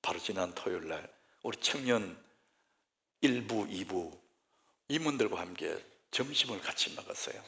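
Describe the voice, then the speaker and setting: Gravelly, emotive male pastor preaching. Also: sits low, expressive, normal speed. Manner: emotive, swings between loud exclamations and hushed whispers. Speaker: senior pastor. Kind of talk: sermon.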